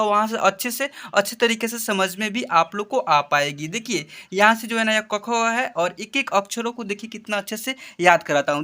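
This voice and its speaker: A man teaching a spoken lesson, slowly drawing out spelling drills and repeating his explanations. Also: sits high, bright, forceful tone, clean tone. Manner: slow drawn-out spelling drills, repetitive explanations.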